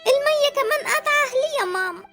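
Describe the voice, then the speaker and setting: A woman's voice: very high-pitched, lively intonation, quick pace, bright, forceful tone, faint music behind, full character voice. A woman voicing a cheeky, boastful young boy in an Egyptian cartoon, with an Egyptian Arabic accent. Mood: eager telling. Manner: boastful, chatty. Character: cheeky clever young boy, mother's son.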